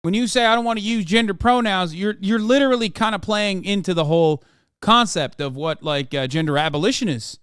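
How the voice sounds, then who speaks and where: A man in his thirties, Turkish by first language, streams a blunt, profane, exasperated reaction rant into a close mic. His voice is high-pitched, brisk, and a bit bright, with a clear, resonant tone and no echo.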